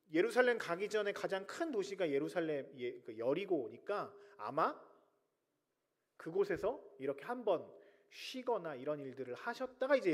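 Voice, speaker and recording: Male pastor, slightly high voice, dramatic sermon delivery, long church-hall reverb. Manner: dramatic, swings between loud cries and hushed whispers. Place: large church sanctuary.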